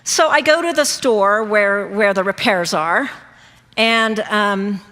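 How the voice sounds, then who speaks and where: Middle-aged woman preacher, conversational storyteller, crisp bright tone, long church reverb. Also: medium pitch, slow pace. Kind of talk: sermon.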